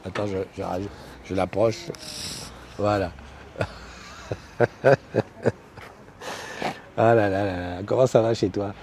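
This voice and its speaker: A man's voice: on the low side, steady tone, takes it slowly, long pauses, darkish tone, slight background noise. A man hosting a casual live morning stream, reading out viewer comments and greeting people, hesitant with many fillers and restarts. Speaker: morning show host. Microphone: desk microphone.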